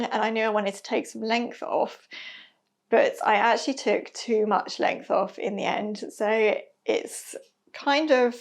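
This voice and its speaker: A sewing vlogger chats casually about her sewing projects in a fairly high voice that's a little hoarse because she's losing it. She's self-deprecating and says um often.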